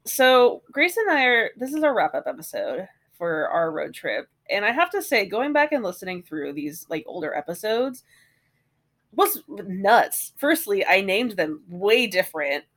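A sick woman with a hoarse smoker's rasp, chatting casually and self-deprecatingly as a podcast co-host. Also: medium pitch, very animated, normal speed, fairly bright tone. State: sick with a cough. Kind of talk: casual chat.

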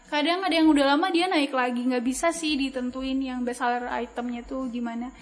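A young woman with a high voice talks about running her small online bag shop. She answers in an easygoing, reflective way and often stops to think mid-sentence. Her delivery stays casual and unhurried. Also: low-quality recording. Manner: relaxed, reflective, with frequent thinking pauses.

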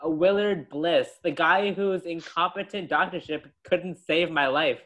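A man's voice: a little high, measured pace, bright, forceful tone. A young man voicing the ghost of a dead male president, smug and boastful.

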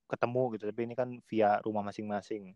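A man's voice: lowish voice, fast, no echo, highs cut off. Slangy man chatting on a podcast. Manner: slangy, animated, mimics online commenters. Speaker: podcast guest. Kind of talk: casual podcast chat. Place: at home, remote podcast.

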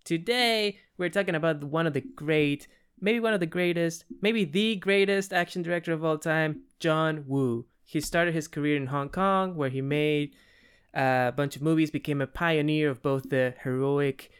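Clear-voiced enthusiastic male podcast host. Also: on the high side, normal speed. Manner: enthusiastic, scripted intros. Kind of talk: podcast interview.

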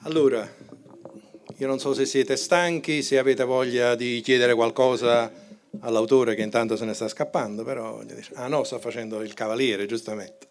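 A man's voice: medium pitch, steady tone, moderate pace. A man moderating a book presentation, speaking casually and searching for his words. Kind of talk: casual event hosting. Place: event hall.

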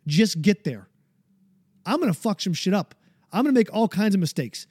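A man's voice: sits high, very animated, normal speed, a little mellow, slightly rough, no echo, studio quality. A man hosting a podcast, delivering a fired-up, preachy motivational monologue and swearing freely. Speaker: podcast host.

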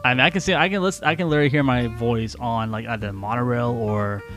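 A man's voice: mid-range voice, fast talker, fairly bright tone, faint music behind. A man co-hosting a casual podcast, rambling with many fillers and restarts. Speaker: podcast co-host.

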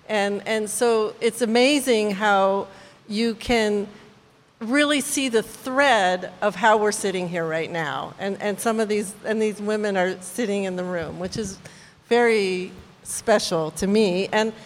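A woman artist speaking on a live panel, rambling with frequent fillers and restarts. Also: medium pitch. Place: art gallery. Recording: long gallery reverb.

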